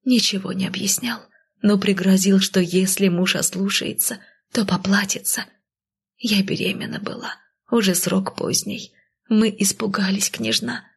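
A woman voicing a frightened, gentle undead young mother who speaks softly and beseechingly. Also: medium pitch, fairly even intonation, a little slow, creaky, slightly rough, heavily acted. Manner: soft, whispered and beseeching.

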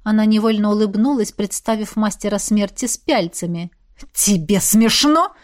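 A woman narrating a fantasy romance audiobook in an even storytelling manner. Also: medium pitch, fairly quick.

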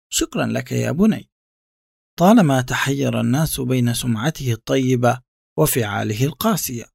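A man reading a reflective first-person literary text in a measured, contemplative way. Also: medium pitch, vocal fry, darkish tone, dry recording, clean studio sound. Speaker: narrator.

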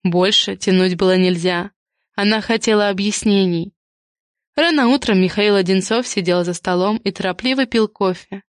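Audiobook narrator: woman, measured and even, dry close recording. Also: mid-range voice, dry recording. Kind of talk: scripted narration.

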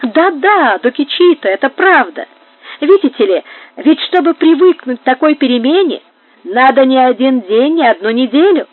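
A naive, simple-minded young man chatters with giddy delight, as a woman reader puts him on. His voice is pitched up and loud with excitement. The sound is tinny, like a phone line. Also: normal speed, no room sound. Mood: gleeful.

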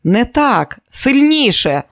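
A bold, reckless young woman, as a male audiobook reader puts her on, insistent and theatrical. Her voice sits higher than the narration and swings through a lively range. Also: normal speed, no echo, studio quality, lightly acted. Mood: urgent.

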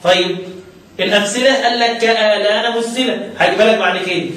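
A man with a fairly high voice and an Egyptian accent, teaching as a sheikh of Quran recitation. He chants lines of verse slowly, then explains them in a quick colloquial way, asking his listeners questions as he goes. His voice rings through a very echoey room from a mic set well back. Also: fairly even intonation, a bit bright, far from the mic. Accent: Egyptian Arabic. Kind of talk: religious lesson explaining a chanted poem.

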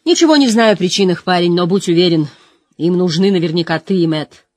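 A reader voicing a stubborn, protective male innkeeper who speaks quietly and firmly in an audiobook reading. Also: mid-range voice, fairly quick, no room sound, studio quality, close to an everyday voice. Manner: quiet and firm, gruff.

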